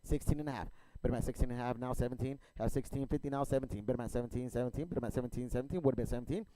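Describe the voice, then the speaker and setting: A man working as an auctioneer, calling bids in a rapid, repetitive chant of numbers and stock phrases. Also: mid-range voice, warm tone, no room sound, poor audio.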